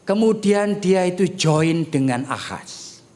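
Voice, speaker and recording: Animated man preaching a sermon. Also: high-pitched, takes it slowly. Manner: animated preaching, often addresses listeners as "saudara"; mixes English terms into his speech. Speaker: pastor.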